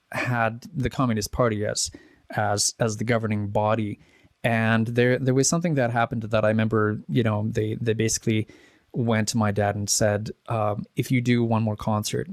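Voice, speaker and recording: This interview guest, a pianist and composer from the Czech Republic in his forties, has a fairly low voice captured in a studio without room sound. The conversation is casual, and he rambles, starts over and chuckles at his stories.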